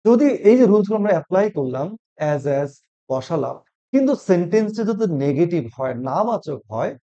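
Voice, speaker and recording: High-voiced man teaching grammar. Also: very animated, fairly quick, mellow. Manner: explains step by step, asks and answers his own questions. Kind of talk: classroom grammar lesson. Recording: dull, muffled lo-fi sound.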